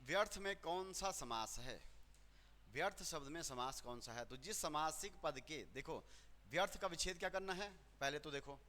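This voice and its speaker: A man's voice: a little high, lively intonation, normal speed, sharp tone, a little hiss or hum. A male teacher working through exam questions step by step, repeating words and correcting himself aloud. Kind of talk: exam solution lesson. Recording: hall reverb.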